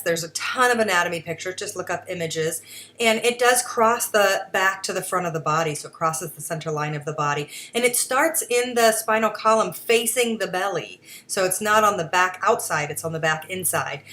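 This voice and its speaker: A woman's voice: medium pitch, a bit bright, slight background noise. A woman hosting her own podcast segment, talking earnestly in a rambling, casual way with many fillers and restarts. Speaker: podcast host. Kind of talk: casual solo commentary.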